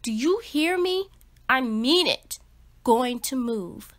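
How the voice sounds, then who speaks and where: Reading a picture book for children, a woman uses a fairly high voice and a storyteller's expressiveness, going very slowly and stressing her words with care.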